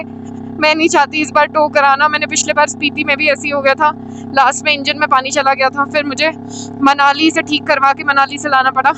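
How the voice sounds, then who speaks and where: Female moto-vlogger, high-pitched, chatty, talking to camera mid-ride outdoors, faint vehicle noise behind. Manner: chatty, thinks aloud, calls everyone brother. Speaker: motorcycle vlogger. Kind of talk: casual chat while riding. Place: outdoors on a high mountain road, on a motorbike.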